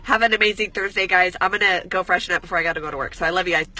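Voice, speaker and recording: A tearful woman fitness coach speaks to her followers on a live stream. She is crying and earnest, with a bright but husky, breathy voice. She rambles, swears freely and fills her talk with "like.". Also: very fast. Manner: earnest, rambling, swears often, many "like" fillers; voice rises high when emotional.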